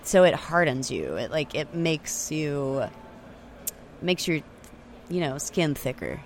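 With a low voice and big pitch swings, a young singer-songwriter from Austin, Texas, takes it slowly as a casual interview guest, full of "like," fillers, and restarts. Slight background noise comes through on her remote recording, made with a handheld recorder and external mics.

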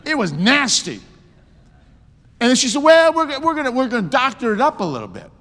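A man's voice: very high-pitched, wildly swooping pitch, fairly quick, a bit bright. A man in his sixties preaching a sermon with emphasis and joking asides. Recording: long hall reverb.

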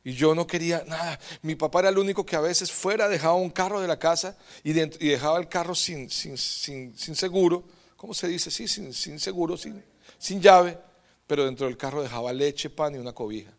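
A man's voice: a little high, brisk. Man preaching a testimony sermon. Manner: swings from hushed storytelling to loud exhortation.

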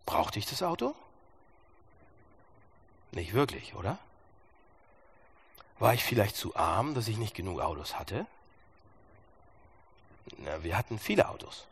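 A man preaching a sermon, animated and sarcastic, asking his listeners questions as he goes. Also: on the low side, measured pace, creaky, pauses often, breathy edge.

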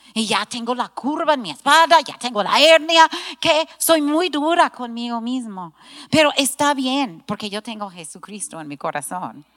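High-voiced woman preaching earnestly. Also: fairly bright tone, in a large hall. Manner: earnest, self-deprecating, emphatic preaching. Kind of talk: sermon to a women's gathering. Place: church hall.

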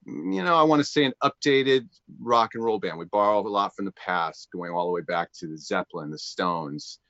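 Wry rock frontman guest, very low voice, dry dull remote sound. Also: normal speed, a bit bright, no echo. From Los Angeles area. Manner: dry, wry humor, chatty. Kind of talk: interview chat.

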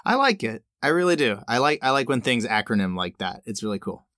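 A man hosting a podcast, reading a polished intro and then chatting with his guest in a friendly, measured way. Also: mid-range voice, very animated, fairly bright tone, no echo, clean studio sound. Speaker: podcast host. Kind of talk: scripted intro, then interview chat.

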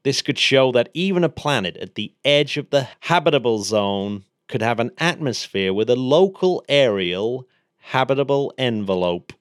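Guy doing an aussie lady scientist, lively, dry close sound. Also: medium pitch, normal speed, no room sound, natural voice. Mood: enthusiastic. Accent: Australian. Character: enthusiastic female scientist with an Australian lilt.

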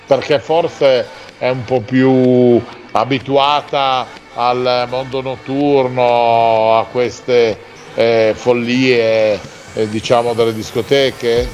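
Chatty Italian radio host, music behind. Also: male voice, medium pitch, little pitch movement, a little mellow. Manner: teasing, chatty, halting phrases with tag questions. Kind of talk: casual radio interview chat.

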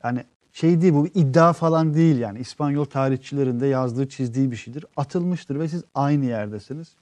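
A man co-hosting a casual live show, reading viewer comments and explaining at length in an earnest way, often trailing off with drawn-out fillers. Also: mid-range voice, a little mellow, no echo. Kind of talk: casual live-stream chat.

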